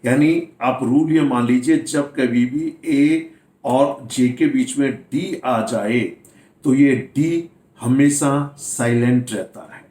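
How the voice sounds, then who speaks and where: A man's voice: medium pitch, takes it slowly, a little mellow, roomy sound. A man teaching English pronunciation in a video class, speaking Hindi mixed with English words and spelling words out letter by letter. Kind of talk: classroom-style video lesson.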